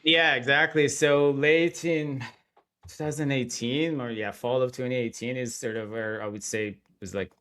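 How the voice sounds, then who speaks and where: A man's voice: mid-range voice, moderate pace. A man, talking casually and animatedly as a podcast guest. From Iran. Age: 40s. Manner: animated, chatty, laughs between thoughts. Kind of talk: casual interview talk.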